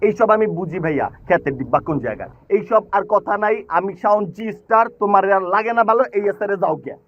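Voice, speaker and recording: Young Barishal-accented man, high and fast, boastful ranting sketch delivery. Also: highs cut off, slight background noise. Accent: Barishal Bengali. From Barishal, Bangladesh. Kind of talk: comedic rap and sketch acting.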